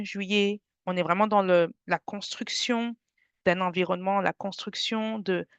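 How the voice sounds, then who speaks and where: A woman's voice: medium pitch, clean tone, no room sound. A woman leading a parenting workshop webinar over a video call, talking in a hesitant way and often repeating words. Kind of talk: webinar presentation. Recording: dull lo-fi video call audio.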